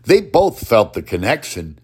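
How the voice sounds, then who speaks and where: A man performing a rhyming spoken-word poem in a slow, rhythmic delivery. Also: medium pitch, wildly swooping pitch, slightly rough. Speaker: poet. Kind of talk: spoken-word poetry recitation.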